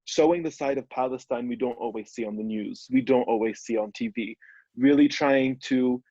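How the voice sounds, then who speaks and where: Young man, earnest and eager, mid-pitched, dry and muffled lo-fi sound. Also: normal speed, warm tone, no echo. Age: young adult. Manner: earnest, enthusiastic. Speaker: photojournalist, co-editor. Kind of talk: video call panel introduction.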